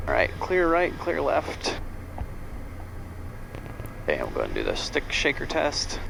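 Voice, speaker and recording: A man's voice: on the high side, wildly swooping pitch, slow, creaky. Matter-of-fact male pilot in a cockpit. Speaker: pilot and presenter. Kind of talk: cockpit checklist commentary. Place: aircraft cockpit. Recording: cockpit audio, faint engine noise.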